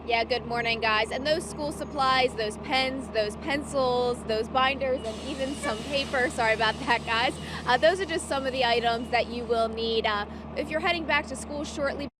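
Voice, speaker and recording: A woman's voice: sits high, moderate pace, few pauses. A woman reporting live for TV news from outside a store. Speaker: TV field reporter. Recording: outdoor street and traffic noise.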